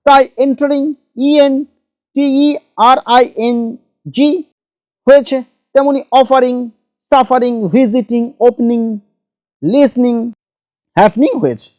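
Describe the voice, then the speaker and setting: High-voiced woman spelling out grammar rules. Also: darkish tone, dry recording, clean studio sound. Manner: slow, methodical, spells words letter by letter. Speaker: English grammar teacher. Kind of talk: grammar lesson.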